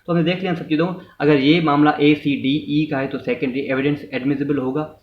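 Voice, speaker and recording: This law lecturer, who has a Pakistani accent, explains his subject casually, going over points again in different words and dropping in English legal terms. He talks a little fast in a steady, higher-pitched voice, and the echoey room recording is muffled with faint noise.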